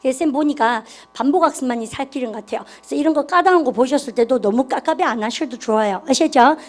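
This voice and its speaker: High-voiced encouraging woman teacher. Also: fast talker, soft background music. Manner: drills the class with call-and-response prompts; encouraging, repetitive, calls herself 쌤. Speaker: English grammar teacher. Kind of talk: classroom lecture.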